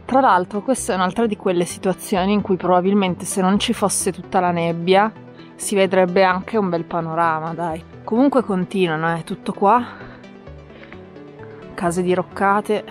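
Low-voiced woman vlogging outdoors. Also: normal speed, soft background music. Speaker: hiking vlogger. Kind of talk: casual vlog chat. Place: outdoors on mountain roads and trails. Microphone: action camera at arm's length.

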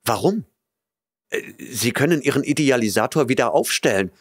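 Lovesick young man voiced by a male narrator, agitated and pleading, lively pitch. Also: normal speed, dry recording, clean studio sound, lightly acted. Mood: eager. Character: desperate young man in love.

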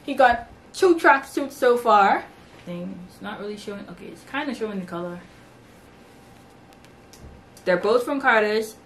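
She has a mid-range voice and an unhurried pace with long pauses, with a faint hiss or hum in the background. A young adult vlogger from the Bahamas, she casually displays baby shower gifts in her bedroom, lively and chatty and gesturing with her hands.

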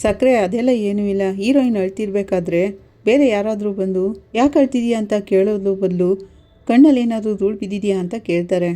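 A wisecracking younger son who jokes even at serious moments, as a woman narrator puts him on. Mellow and dark, read close to her own voice. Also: mid-range voice, a little fast, lightly acted. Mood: teasing. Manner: teasing, wisecracking. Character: joking, teasing younger son.

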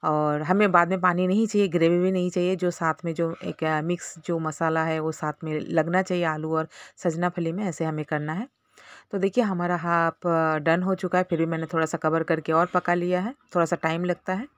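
A woman's voice: fairly low pitch, fairly even intonation, normal speed, no echo, studio quality. Chatty woman home cooking vlogger. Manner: chatty, explains step by step with fillers. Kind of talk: casual cooking tutorial narration.

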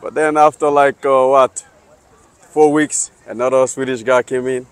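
A man in his thirties from Liberia, answering street interview questions outdoors in an earnest, halting way with many fillers. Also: medium pitch, flat delivery, smooth. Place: sunny city square outdoors.

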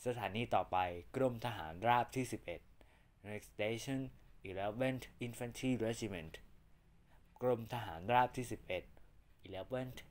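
A man giving a formal, measured pre-recorded train station announcement. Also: medium pitch. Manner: formal, measured, evenly spaced phrases.

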